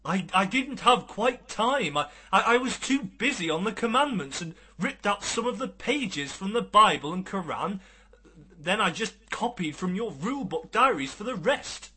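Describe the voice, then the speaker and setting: Casting: man as a timid stammering sidekick, high, bright, husky, slow delivery. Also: big pitch swings, full character voice. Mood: flustered. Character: nervous stammering male aide named Hamid.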